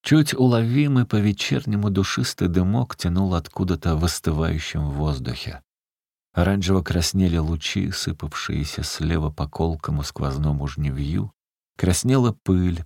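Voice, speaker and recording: Man, audiobook narrator, very deep voice, gravelly, dry close recording, measured storytelling. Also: a little mellow, no echo. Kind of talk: scripted literary narration.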